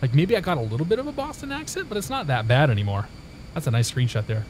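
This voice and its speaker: Against a noisy background, this young Indiana streamer talks fast in a fairly high, very animated voice. He chats casually with viewers, telling a rambling story full of restarts.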